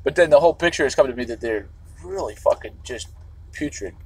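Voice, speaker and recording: Rambling husky man in a vehicle. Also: mid-range voice, animated, brisk, low-quality recording. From Chicago area. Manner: meandering, restarts, swears often. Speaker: livestreamer. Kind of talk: rambling livestream monologue.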